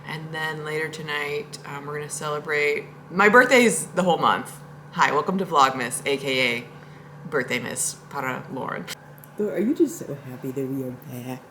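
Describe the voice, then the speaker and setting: A woman's voice: sits low, sharp tone, a little hiss or hum. A woman vlogging from her home, telling rambling stories in a chatty way and laughing often. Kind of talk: casual storytelling vlog.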